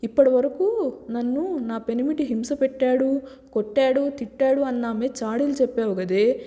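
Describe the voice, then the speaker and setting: A woman's voice: high voice, moderate pace, mellow, natural voice. A woman voicing a sarcastic, exasperated rich young husband, with a long reverb. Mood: mocking. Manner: mocking, exasperated.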